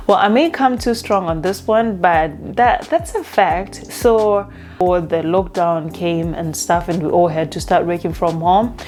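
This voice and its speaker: A young woman from Zimbabwe, chatting casually in a vlog with a relaxed manner and frequent fillers. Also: fairly low pitch. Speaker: vlogger. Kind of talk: casual talking-to-camera vlog.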